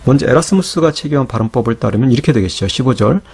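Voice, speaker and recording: A middle-aged man giving a patient Greek grammar lecture, asking rhetorical questions and slowing down to sound out syllables. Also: medium pitch, lively intonation, darkish tone, slightly rough. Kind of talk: explanatory lecture.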